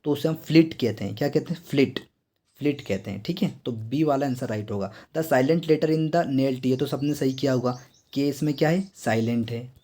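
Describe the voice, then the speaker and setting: A young adult man with an Indian accent walks students through exam answers, repeating questions back to them and reading the English items slowly. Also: medium pitch, dark tone. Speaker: teacher explaining exam answers. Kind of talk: exam answer walkthrough lesson.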